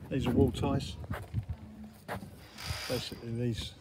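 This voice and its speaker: A man's voice: medium pitch, level tone, slow pace. Man on a noisy building site. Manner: practical, explanatory, often says "obviously". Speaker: construction site manager. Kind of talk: guided site walk-through. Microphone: handheld phone camera. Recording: loud outdoor site noise. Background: outdoor noise and vehicles.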